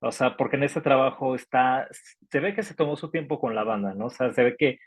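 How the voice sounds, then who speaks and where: A man's voice: medium pitch, brisk, husky, dry recording. Chatty Mexican man, dry close sound. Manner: rambling, many fillers. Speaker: music reviewer. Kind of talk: casual panel chat.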